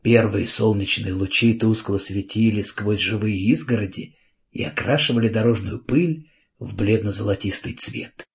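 A man narrating an audiobook in a calm, even storytelling manner, on a dull lo-fi recording. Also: lowish voice.

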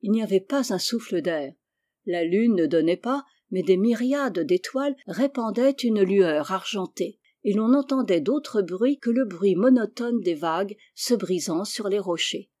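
A woman reading a classic children's novel aloud as an audiobook, with measured, expressive storytelling. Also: mid-range voice. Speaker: audiobook reader. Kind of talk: scripted narration.

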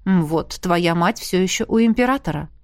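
A woman voicing a calm, playful grown man, a rector who teases and coaxes in a soft, lowered voice. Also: moderate pace, no echo, clean studio sound. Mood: coaxing. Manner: soft, lowered, easygoing and coaxing.

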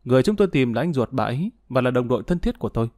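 A man's voice: mid-range voice, expressive, racing, darkish tone, no echo, clean studio sound. A man voicing a courteous middle-aged male war veteran, polite and subdued.

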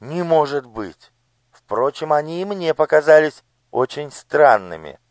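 A man's voice: fairly high pitch, big pitch swings, a little slow, no echo, pitched above the performer's own voice. A man voicing a polite, refined noble lady in an audiobook. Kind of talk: audiobook character voice.

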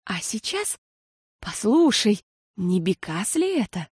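A woman voicing a patient, tired mother who talks slowly and soothingly. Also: mid-range voice, sing-song, darkish tone, husky, dry recording, clean studio sound, full character voice. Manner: slow and soothing.

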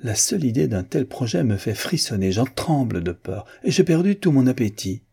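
A man's voice: mid-range voice, sing-song, normal speed, vocal fry, mellow, slightly rough, voice pushed up, full character voice. A man voicing a nervous, fretful young noble lady in an audiobook reading, anxious and plaintive.

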